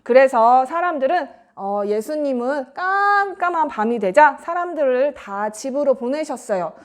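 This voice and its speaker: A woman telling a Bible story to children in an animated, expressive way, often asking them questions. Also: high voice, measured pace. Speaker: children's ministry teacher.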